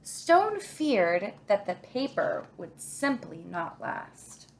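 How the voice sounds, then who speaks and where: A woman reading a children's picture book aloud in an expressive, deliberate storytelling way, like a kindergarten teacher. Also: mid-range voice, slight background noise.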